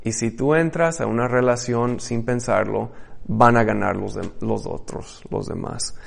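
Pastor: animated sermon delivery, scripture reading, acted-out dialogue. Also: male voice, mid-range voice, unhurried, vocal fry. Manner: animated, acts out biblical dialogues, reads scripture aloud.

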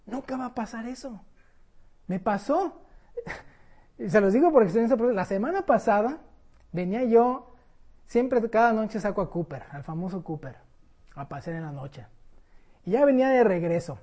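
Husky-voiced woman preaching. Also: mid-range voice, moderate pace, pauses often. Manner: conversational, animated storytelling. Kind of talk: sermon.

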